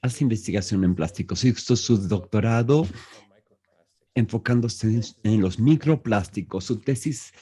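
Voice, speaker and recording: A man interpreting live at an online press conference. He speaks haltingly, with frequent restarts and fillers. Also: lowish voice, dark tone, husky. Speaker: simultaneous interpreter.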